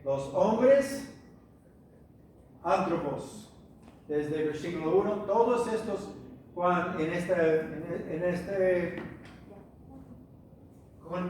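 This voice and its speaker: Male missionary preacher, high voice, slow teacherly delivery, distant echoey hall recording. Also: slight background noise. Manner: teacherly, asks the audience questions, many hesitations. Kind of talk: church Bible teaching. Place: church hall.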